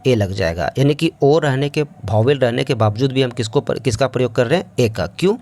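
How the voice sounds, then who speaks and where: A man's voice: medium pitch, lively intonation, brisk, a little mellow. A man teaching an English grammar lesson in speech, explaining step by step and often asking the class rhetorical questions.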